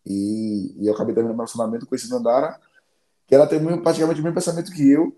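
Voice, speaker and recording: A man's voice: mid-range voice, steady tone, rapid-fire, mellow, reverberant. A man, an MMA fighter telling stories in a casual interview, rambling and repeating phrases.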